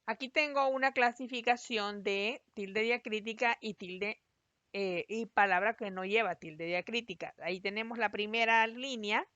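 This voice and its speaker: A woman teacher giving a recorded class, explaining patiently and spelling out syllables slowly. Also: medium pitch, bright, forceful tone, no room sound. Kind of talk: recorded online class lesson. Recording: dry, slightly dull lo-fi voice-over.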